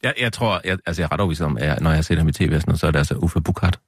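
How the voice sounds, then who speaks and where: A man's voice: extremely low pitch, breathy edge, dry recording, full character voice. A man playing a muddled, rambling character who stammers and trips over his words.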